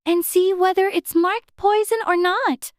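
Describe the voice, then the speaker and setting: A woman's voice: very high voice, fairly even intonation, unhurried, no room sound, studio quality. A woman voicing a curious, self-scolding little girl in a dramatized storybook audiobook. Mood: cautious. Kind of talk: dramatized audiobook character acting.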